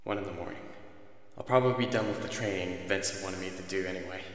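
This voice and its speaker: A man's voice: mid-range voice, big pitch swings, moderate pace, fairly bright tone, voice pushed up. A man voicing a nervous, guilty sixteen-year-old boy who stammers and apologizes in a fan audio drama.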